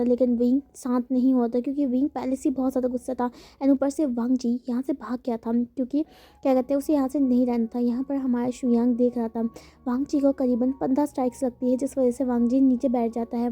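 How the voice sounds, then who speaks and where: A woman's voice: sits high, warm tone, muffled recording. A woman casually retelling a story, chatty and full of fillers, mixing in English words.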